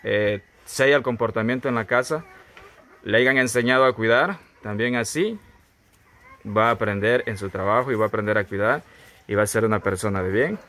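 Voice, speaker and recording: Earnest low-voiced man giving a reflection. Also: normal speed, fairly bright tone, a little hiss or hum. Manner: earnest, moralizing, tag questions. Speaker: host. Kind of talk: reflective talk to viewers.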